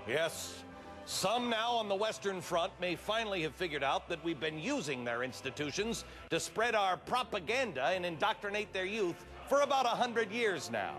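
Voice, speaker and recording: A man playing a pompous male Soviet propagandist addressing his comrades in a theatrical, mock-solemn satire. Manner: theatrical, mock-solemn, swings high and low. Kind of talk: satirical comedic sketch.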